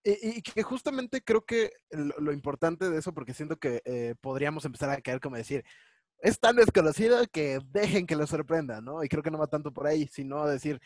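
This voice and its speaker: A man in a casual conversation, reflecting out loud and working through examples. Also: on the high side, animated, brisk, no room sound.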